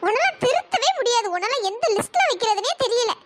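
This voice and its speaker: A woman's voice: expressive, fairly quick. [name], a woman doing a fiery, scolding best friend. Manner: scolding, brash and blunt. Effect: pitch-raised voice. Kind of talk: cartoon story voice acting.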